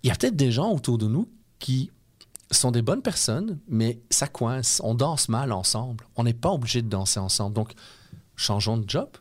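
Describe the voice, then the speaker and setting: A middle-aged Belgian man with a Belgian French accent appears as a guest in an interview, explaining his ideas earnestly and persuasively. His voice is medium-pitched and animated, at a normal speed.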